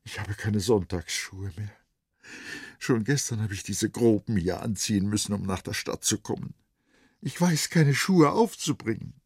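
A tender, impulsive young village girl, put on by a male audiobook reader. The voice is lifted well above a man's low register and swings widely, keeping a husky grain. It is recorded close and dry. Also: animated, normal speed, no echo. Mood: tearful. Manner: raised girlish pitch, pleading. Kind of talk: audiobook character voice.

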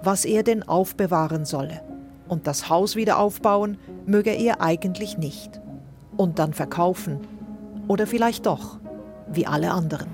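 A woman reporter reading a scripted radio news report in a measured, dryly commenting manner. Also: fairly low pitch, music in the background.

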